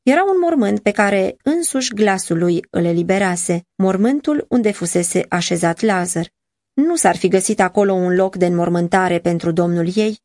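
A woman narrating a devotional audiobook in a measured, earnest reading voice on a close mic. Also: mid-range voice, lively intonation, a little mellow, dry recording.

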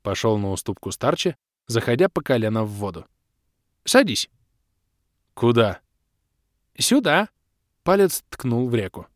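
A man reads a fantasy audiobook in the first person, with a medium pitch and a very lively, animated melody. The recording is dry and close, with no room sound. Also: brisk, no room sound. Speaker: audiobook narrator.

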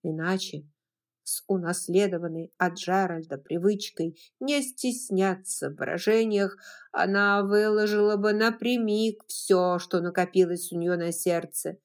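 A woman narrating a novel as an audiobook in a measured, expressive reading. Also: lowish voice.

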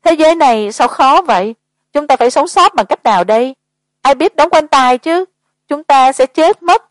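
A grown man in tears and full panic, wailing and desperate in an audiobook horror tale, voiced by a woman reader. The voice rides high and strained. The recording is close and dry. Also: animated, moderate pace, dry recording. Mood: desperate sobbing. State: crying.

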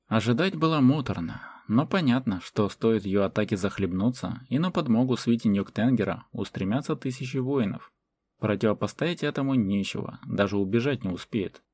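A man reading a fantasy novel as audiobook narration in a measured way. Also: lowish voice, lively intonation, darkish tone, breathy edge. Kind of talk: scripted narration.

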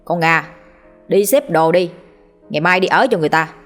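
A woman's voice: lowish voice, faint music behind, natural voice. A woman with a Southern Vietnamese accent voicing a domineering rural father who barks threats at his children. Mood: threatening. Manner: barking, threatening, fast.

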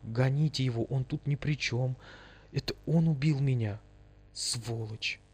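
A man voicing a greedy, spiteful young woman ghost in an audiobook, with a shrill, accusing manner. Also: unhurried, darkish tone, slightly rough. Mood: angry.

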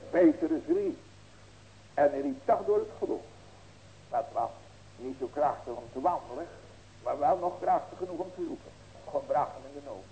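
A man's voice: a little high, sing-song, fairly quick, creaky, warm tone, slight background noise, poor audio. A man in his sixties preaching as a pastor, earnest and folksy, with rhetorical questions and emphatic ringing cries. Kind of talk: sermon.

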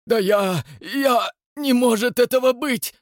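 A man voicing a furious, hoarse older male aristocrat who roars his outrage. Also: high-pitched, animated, slow pace, no echo, clean studio sound, voice pushed up, full character voice. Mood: outraged. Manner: roaring, outraged.

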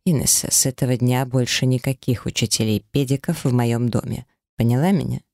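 A reader voicing a stern, domineering rich husband who gives curt orders in an audiobook. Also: male voice, medium pitch, steady tone, fairly quick, gravelly, a little mellow, no room sound, studio quality, lightly acted. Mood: commanding. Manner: curt, commanding. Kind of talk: audiobook character voice.

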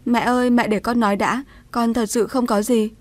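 A woman's voice: a little high, fairly even intonation, normal speed, voice pushed up, close to an everyday voice. A woman doing a tearful, pleading young widow.

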